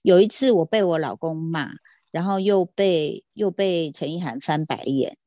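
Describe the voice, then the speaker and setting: A woman's voice: on the low side, moderate pace, warm tone, no room sound, studio quality. A woman podcast host with a Taiwanese Mandarin accent, telling a story in casual chat and quoting others.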